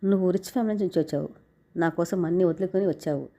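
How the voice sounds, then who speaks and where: A woman reading the lines of a gentle, caring young husband in a narrated story. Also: on the low side, fast talker. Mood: tender.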